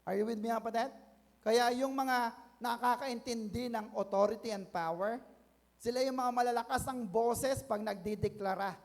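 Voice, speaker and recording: A Filipino man preaching a sermon as pastor, mixing English phrases in and calling out for amens, rising to loud declarations. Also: very high voice, normal speed, in a large hall.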